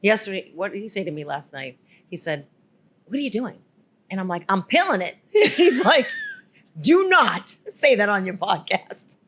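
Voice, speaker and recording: A woman's voice: mid-range voice, big pitch swings, normal speed, a bit bright. A woman co-hosting a podcast, telling a rambling story in a casual, giggly way. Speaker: podcast co-host.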